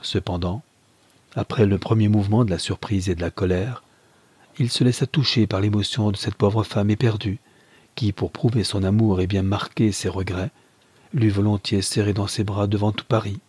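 A man narrating a classic novel in a measured, even storytelling manner. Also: on the low side, breathy edge, no echo. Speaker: audiobook reader.

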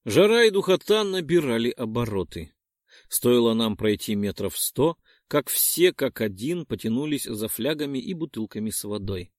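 A male audiobook narrator tells the story with a lively, shifting intonation. His voice sits at an average pitch and is recorded close and dry, with no room around it. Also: normal speed, no room sound. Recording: dry close studio sound.

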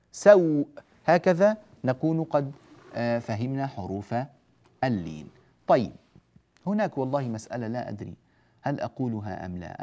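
A man teaching Quran recitation rules, explaining a classical poem in a measured, patient way, stretching the example words and checking in with his listeners. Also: mid-range voice, warm tone.

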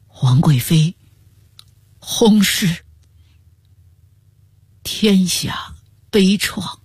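Female radio storyteller, lower-pitched, melodic delivery, hushed, dry close sound. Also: breathy edge, no room sound. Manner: slow, hushed, sometimes sinks into a whisper. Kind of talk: scripted radio story narration.

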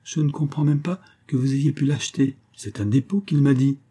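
A man's voice: mid-range voice, fairly even intonation, moderate pace, mellow, husky, pitched above the performer's own voice. A man voicing a poor, devoted old woman who pleads anxiously, for an audiobook. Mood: pleading.

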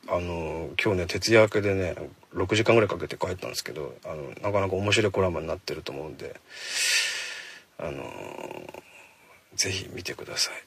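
A man hosting a casual solo talk show from inside a parked car, speaking quickly and chattily into a handheld phone and jokingly scolding his listeners. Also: low voice, fairly bright tone, breathy edge. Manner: fast-talking, chatty, mock-scolding listeners. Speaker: radio show host. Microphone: phone held in hand.

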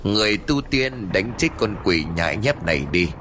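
A man voicing a brash, foul-mouthed young village man who shouts and taunts, in a spoken horror story. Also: fairly low pitch, lively intonation, normal speed, a little hiss or hum. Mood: taunting.

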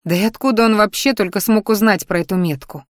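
A woman reading a romantic fantasy audiobook in the first person, at an even, measured pace. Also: mid-range voice, dry recording, clean studio sound. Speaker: audiobook narrator.

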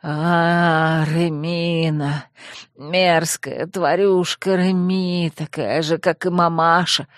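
A woman's voice: fairly low pitch, flat delivery, no echo, studio quality. A woman voicing a deranged giggling murderer. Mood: hateful. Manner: slow, sing-song ravings. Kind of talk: audiobook character voice.

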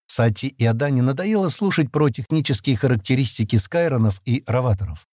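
Husky male audiobook narrator. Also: medium pitch, lively intonation, a little fast, darkish tone, no room sound, studio quality. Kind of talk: scripted narration.

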